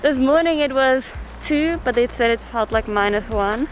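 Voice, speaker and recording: With a high voice and moderate pace, a young adult woman with a South African accent chats and narrates casually as a travel vlogger. Music plays in the background, and the recording sounds rough.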